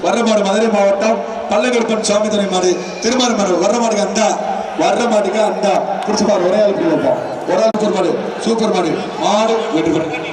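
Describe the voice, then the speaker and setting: A man announcing a bull-taming event through a loudspeaker, loudly repeating calls and urging the tamers. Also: high-pitched, fairly even intonation, a little fast. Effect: through a loudspeaker public address. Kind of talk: live event commentary. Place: outdoor arena with a big crowd. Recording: echoey loudspeaker from far off, crowd noise.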